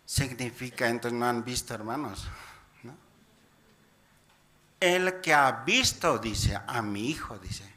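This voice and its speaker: A man from Bolivia delivers a Sunday sermon as a deacon, speaking slowly and deliberately. His voice is bright and forceful. He keeps putting questions to the congregation and calls them brothers again and again. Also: medium pitch, expressive, a little hiss or hum. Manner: tags sentences with "dice" while paraphrasing scripture. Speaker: deacon preaching.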